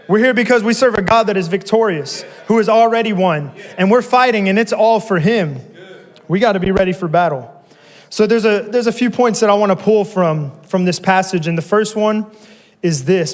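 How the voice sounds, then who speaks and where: A young man gives a relaxed, slangy youth sermon. His voice sits high for a man. The hall around him rings with a long reverb. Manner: conversational, slangy preaching with asides. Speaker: youth pastor. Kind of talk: casual sermon. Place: church hall.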